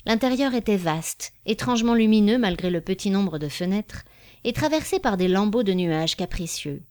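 A woman narrating a story in a measured, expressive reading style. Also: mid-range voice.

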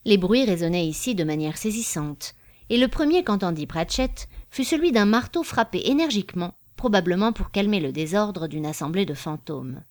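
A woman narrating a story in a measured, expressive reading style. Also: medium pitch.

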